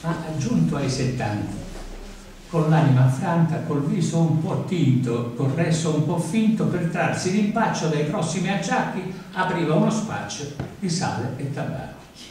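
A man reading poems aloud at a book event, reciting in a theatrical way with big swings in pitch and volume. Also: expressive, normal speed, a little mellow, a little hiss or hum. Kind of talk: poetry recitation. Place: event hall. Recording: echoey hall, mic far away.

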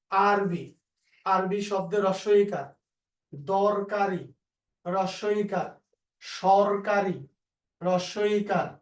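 High, flat-voiced man dictating spelling rules. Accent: Bangladeshi Bengali. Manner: slow, repetitive dictation of words and rules. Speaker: teacher. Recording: echoey room, voice a bit far from the mic.

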